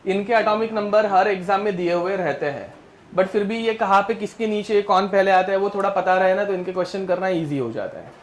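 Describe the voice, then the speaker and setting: This classroom chemistry lecture comes from a man with a high voice who speaks fairly quickly, over a little hiss or hum. He drills mnemonics, scolds students who turn around, and mixes Hindi with English terms, speaking with a tinge.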